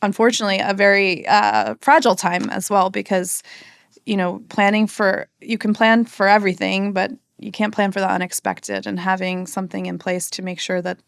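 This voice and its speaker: In a casual podcast interview, an American woman who works as a marketing executive muses aloud, leaning on fillers and asking "right?" Her medium-pitched voice has a clean tone and moderate pace, and the recording is dry with clean studio sound.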